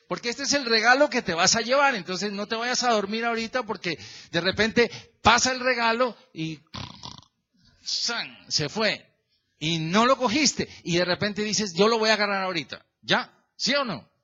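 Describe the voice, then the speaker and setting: A man's voice: high-pitched, normal speed, dull audio. A male pastor preaching a sermon, questioning the congregation and calling on members by name as he works through a verse. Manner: lively and animated, stretching the verse phrase by phrase.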